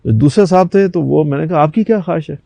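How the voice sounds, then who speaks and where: A man's voice: a little high, creaky, no echo. An older man from Pakistan, a talk show guest, telling a personal anecdote and acting out the people in it. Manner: animated anecdote telling with quoted voices.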